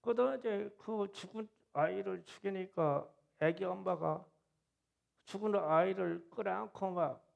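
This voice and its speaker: A middle-aged male pastor delivers a Friday prayer-meeting sermon, retelling a vision with deep emotion. His voice is gravelly and sits a little high for a man. He speaks slowly, stretching out his phrases. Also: highs cut off. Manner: emotional storytelling, rising to loud wailing.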